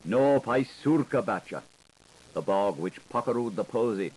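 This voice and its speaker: Poor, slightly rough audio from a hissy 1980s audiobook cassette carries a lowish, animated, slightly mellow man's voice. He reads literary narration at an unhurried pace, theatrical and playful, with emphasis that keeps shifting.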